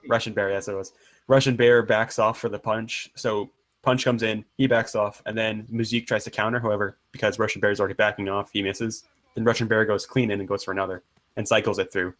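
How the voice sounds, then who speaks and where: A man doing color commentary, explaining tactics in an earnest, halting way. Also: lowish voice, level tone, a bit bright. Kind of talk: analytical match commentary.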